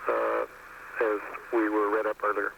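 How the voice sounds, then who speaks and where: A man's voice: on the low side, big pitch swings, unhurried, gravelly, a bit bright. A man answering tersely as a shuttle commander, heard over a distant, crackly space-to-ground radio link.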